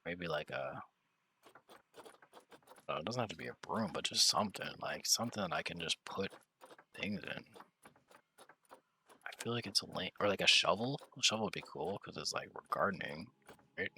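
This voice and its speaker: A young man streaming a zoo-building game, rambling and thinking aloud in a relaxed, mumbling way. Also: low-pitched, moderate pace, pauses often, slight background noise. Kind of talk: relaxed gameplay chat.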